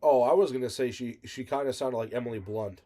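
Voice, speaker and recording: A man with a mellow, darker voice co-hosts a casual talk show. He rambles through his stories, full of fillers and restarts. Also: medium pitch, brisk. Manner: rambling, many fillers and self-corrections. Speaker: podcast co-host. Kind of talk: casual chat.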